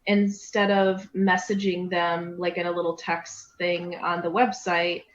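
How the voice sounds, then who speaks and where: A woman's voice: fairly low pitch, flat delivery, measured pace. A woman co-hosting a podcast who works as a therapist, talking casually and explaining at length with lots of fillers. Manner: talkative, explains with many fillers. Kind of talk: casual chat. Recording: roomy, dull, slight hiss.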